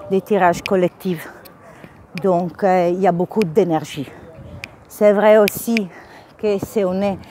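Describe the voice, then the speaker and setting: Woman w/ foreign accent in french, non native, soft mellow voice, chatty spiritual vlog, hunts for words, some ambient noise behind. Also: medium pitch. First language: not French. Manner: halting, searching for words. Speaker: spiritual vlogger and energy healer. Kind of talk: informal spiritual monologue.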